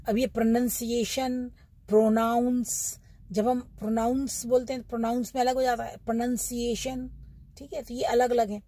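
A middle-aged Indian-accented woman teaches English pronunciation, drawing each model word out slowly and saying it again and again. Her voice sits a little high but sounds mellow and quite husky. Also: no room sound. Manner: slow, drawn-out model words, repeated for practice. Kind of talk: pronunciation lesson.

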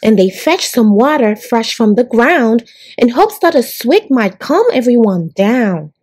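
A woman storyteller reading a picture book aloud to young children in a deliberate, expressive way. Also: on the high side, slightly rough. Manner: deliberate, animated, addressing young listeners.

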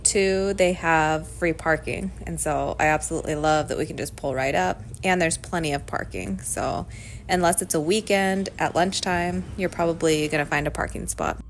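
A woman's voice: low-pitched, moderate pace, slight background noise, low-quality recording. A young woman vlogger narrating a day trip in a casual, upbeat way, gushing and saying "like" a lot. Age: young adult. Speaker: travel vlogger. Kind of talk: casual travel vlog narration.

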